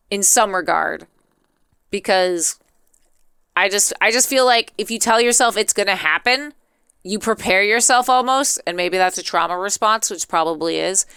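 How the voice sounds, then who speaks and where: A talkative woman hosts a casual, chatty livestream, her mid-range voice bright, forward, strikingly clean and smooth. She wanders off on tangents and reacts expressively with playful drama. The sound is close and dry, with no room sound at all.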